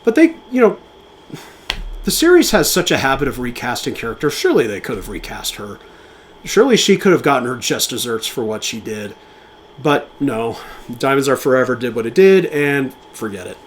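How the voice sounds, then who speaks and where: A man co-hosting a podcast, speaking casually and with enthusiasm about film, with fillers and quick restarts. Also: mid-range voice, sing-song, a little hiss or hum. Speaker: podcast co-host.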